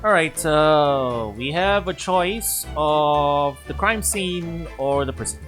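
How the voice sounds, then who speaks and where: A man's voice: a little high, animated, takes it slowly, a bit bright, faint music behind. A man casually commentating a story game on stream, thinking aloud and often restarting his sentences. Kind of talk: casual let's-play commentary.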